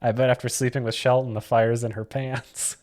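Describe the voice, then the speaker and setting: A man's voice: mid-range voice, level tone, moderate pace, darkish tone. Giggly man recapping a movie. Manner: giggly, laughs often mid-sentence. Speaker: podcast co-host. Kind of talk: casual movie-review chat.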